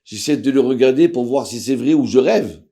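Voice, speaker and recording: A man, a rabbi, telling a story aloud with drama, acting out the people in it and swinging from hushed to loud. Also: mid-range voice, expressive, normal speed. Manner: dramatic, voices characters with big swings in loudness. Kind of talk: emotional spoken storytelling.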